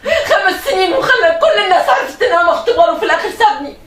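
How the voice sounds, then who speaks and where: A woman's voice: extremely high pitch, sing-song, very fast, fairly bright tone, slight background noise, full character voice. A woman acting a jilted young woman who complains to her father and vows revenge. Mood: aggrieved. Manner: agitated, insistent. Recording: echoey room, mic far off.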